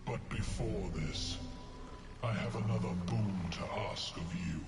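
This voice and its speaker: A man's voice: on the low side, creaky. An actor playing an ancient male mushroom sovereign in a game, speaking in a grave, ceremonial way. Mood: commanding. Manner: slow, grave, ceremonial speech. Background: loud game music.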